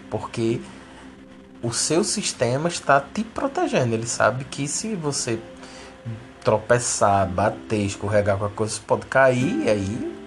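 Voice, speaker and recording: Man teaching slowly, repeating key words. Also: mid-range voice. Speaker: teacher of a spiritual course. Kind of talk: didactic explanation.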